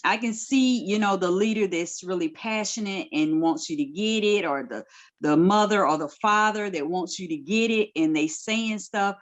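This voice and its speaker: A woman's voice: mid-range voice, normal speed. A middle-aged woman, a guest minister, giving direct, colloquial life advice in a casual podcast chat.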